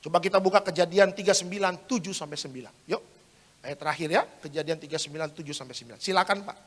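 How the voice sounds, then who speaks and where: Animated preacher man in echoey hall. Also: a little high, fast talker. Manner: animated, acts out dialogue, swings from loud to hushed. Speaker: pastor. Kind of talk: sermon with storytelling.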